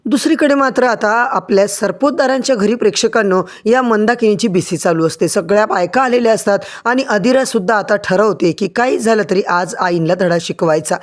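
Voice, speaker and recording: A man with a notably high voice tells a dramatic TV soap opera recap. He talks straight to the viewers and builds up each twist with emphasis. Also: fairly quick, few pauses. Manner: dramatic, addresses viewers directly. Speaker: narrator. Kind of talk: serial recap narration.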